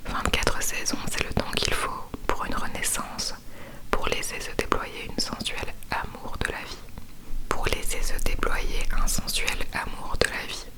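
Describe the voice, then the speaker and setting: A woman speaks entirely in a soft library whisper. Her delivery is breathy and voiceless, in an intimate ASMR style. She chats informally and takes her time, as the host of a book haul. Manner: hushed, unhurried, informal.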